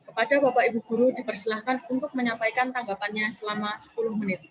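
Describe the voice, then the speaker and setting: A woman's voice: a little high, fairly even intonation, quick pace, a little hiss or hum, low-quality recording. A woman student moderator formally announcing the next motion and inviting the teachers to respond.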